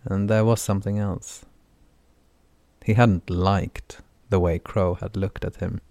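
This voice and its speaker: A man narrates a fantasy novel audiobook in a low, steady voice. His delivery stays flat and measured rather than theatrical. The recording is dry and close-miked. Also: no room sound. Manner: even, measured reading.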